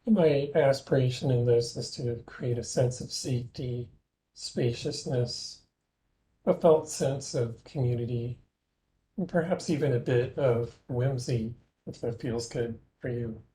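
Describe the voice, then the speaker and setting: Over poor-quality audio, a man guides a meditation, his dark, mellow, very soft-edged voice sitting at a middling pitch. He invites the listener to imagine, speaking gently in measured phrases and leaving long silences between them.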